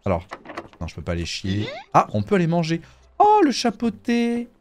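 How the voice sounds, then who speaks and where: A man commentating a horror game let's play in a jokey, animated way. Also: lowish voice, fairly quick, slight background noise. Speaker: gaming YouTuber.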